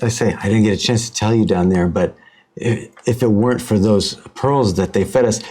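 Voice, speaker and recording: A man's voice: lowish voice, moderate pace, mellow. A man playing a tabletop game, speaking improvised lines as his character.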